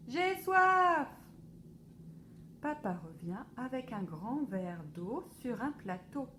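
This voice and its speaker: A woman reading a children's picture book aloud for a library, slow and expressive. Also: medium pitch, noisy background. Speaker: library storyteller.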